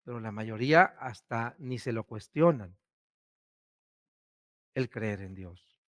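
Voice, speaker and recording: A man, a priest preaching a sermon, asking questions and swinging between loud and hushed delivery. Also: on the low side, lively intonation, takes it slowly.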